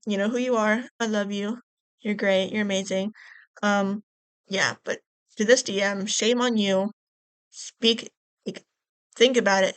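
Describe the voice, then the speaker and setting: A woman's voice: medium pitch, fairly bright tone, no echo. A young woman reading tabletop game stories for her channel, earnestly scolding and repeating herself in casual vlog commentary. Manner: earnest, repetitive scolding, fillers.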